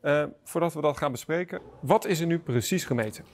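A man's voice: on the high side, fairly quick. A man in his thirties hosting a casual explainer interview, asking inquisitive questions into a lapel mic. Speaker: host. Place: indoor garden atrium of a university building.

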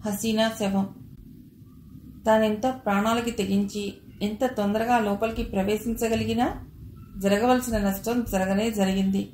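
A woman narrating an audio novel in a dramatic, expressive reading. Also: medium pitch, a little slow, long pauses. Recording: roomy echo, faint hiss.

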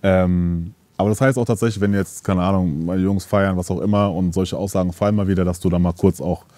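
Casting: male host, very deep mellow voice, relaxed rambling questions, dry studio sound. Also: brisk, no room sound. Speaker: interview host. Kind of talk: casual interview questions. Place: dark studio set, seated on leather couch.

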